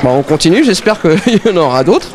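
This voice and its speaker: A man in his thirties, a singer, is casually interviewed at a concert venue with a crowd audible behind him. His high voice swings widely in pitch at a slightly fast pace as he replies hesitantly with shy little laughs.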